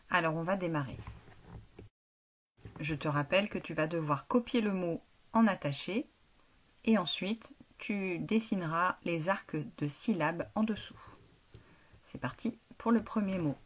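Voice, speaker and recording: Woman teacher, phonics lesson for children, slow careful delivery, lowish voice. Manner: slow, clearly articulated, guiding the child step by step.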